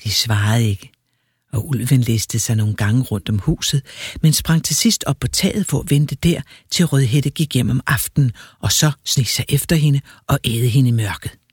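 Breathy man reading a fairy tale. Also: mid-range voice, no room sound, studio quality. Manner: lively, expressive storytelling. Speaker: storyteller.

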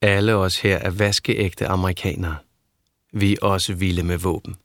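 A patient young man talks in a deep, measured, reassuring way, as a male reader voices him. He sounds steady and convincing throughout, with the low voice kept unhurried. The sound is close and dry. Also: no room sound. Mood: calm. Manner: slow, soothing, measured. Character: calm, persuasive young man.

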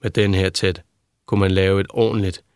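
A man doing a calm, soothing persuader. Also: low-pitched, clean tone, no echo, studio quality, voice pushed down, lightly acted. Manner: slow, soothing, measured.

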